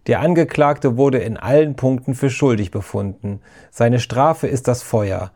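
Ein Mann, der beim Vorlesen einer Geschichte einen theatralischen, donnernden Scheinpriester spricht, pathetisch und anklagend. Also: male voice, mid-range voice, a little slow, mellow. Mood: accusing. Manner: thundering, pompous, accusing. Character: theatrical booming mock priest, male carnival official. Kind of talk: storybook reading.

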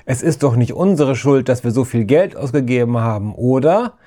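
Ein Mann, der beim Vorlesen einer Geschichte einen theatralischen, donnernden Scheinpriester spricht, pathetisch und anklagend. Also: male voice, medium pitch, animated, normal speed, dark tone, lightly acted. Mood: mock solemn. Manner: thundering, pompous, accusing. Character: theatrical booming mock priest, male carnival official. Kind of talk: storybook reading.

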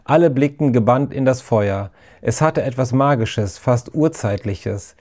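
Ein Mann, der ruhig und gleichmäßig eine Kindergeschichte vorliest. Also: male voice, medium pitch, measured pace, darkish tone. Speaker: narrator. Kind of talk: storybook narration.

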